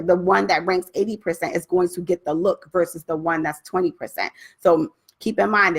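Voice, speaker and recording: Husky Brooklyn woman coaching live. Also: on the low side, fairly bright tone. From Brooklyn, New York. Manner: chatty, informal, addresses viewers directly. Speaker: writing coach hosting a live session. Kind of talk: casual live coaching talk to viewers.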